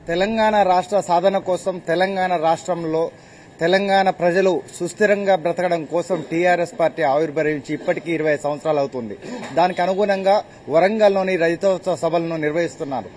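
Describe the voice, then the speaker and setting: A man working as a news field reporter, introducing his guest and asking questions in a brisk, formal way. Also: high-pitched, fairly even intonation, a little mellow. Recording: faint ambient noise.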